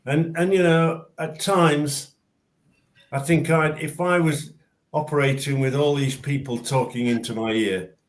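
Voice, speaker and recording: A man's voice: fairly high pitch, fairly even intonation, a little slow. Emphatic man hosting a referee chat. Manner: emphatic, repeats words when starting sentences. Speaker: show host and former referee. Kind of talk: casual chat on a video call.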